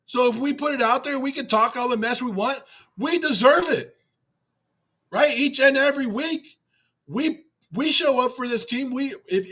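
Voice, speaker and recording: Pitched extremely high with a sharp edge, this man's voice carries a postgame livestream on his fan channel. He responds to chat comments one after another, emotional and repetitive.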